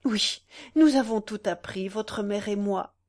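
A woman voicing an anguished young woman who pleads through her tears, in a slow storybook reading. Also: medium pitch, a little mellow, close to an everyday voice. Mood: tearful. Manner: pleading, tearful.

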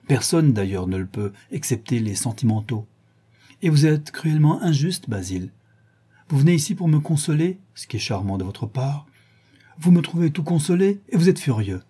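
A man's voice: medium pitch, animated, normal speed, dark tone, breathy edge. A man voicing a detached young male aesthete in an audiobook, speaking in a lofty, languid, self-assured way. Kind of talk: audiobook character reading.

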